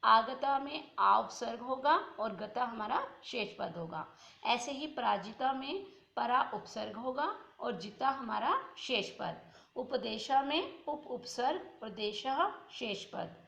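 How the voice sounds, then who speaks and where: High, gravelly-voiced woman teaching in an echoey room. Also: lively intonation, a bit bright. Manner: patient, asks and answers her own questions, drawn-out recitation. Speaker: Sanskrit teacher. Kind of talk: classroom lesson explaining exercises.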